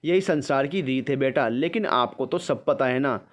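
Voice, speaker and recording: A man's voice: medium pitch, expressive, normal speed, muffled recording, close to an everyday voice. A man voicing a middle-aged mother who insists her son marry. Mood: insistent.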